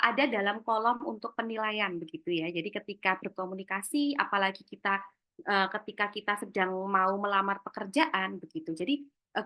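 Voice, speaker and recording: Bright-voiced woman giving a career talk. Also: mid-range voice. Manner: lively, acts out short example lines. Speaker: career workshop speaker. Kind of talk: online seminar talk. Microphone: video call.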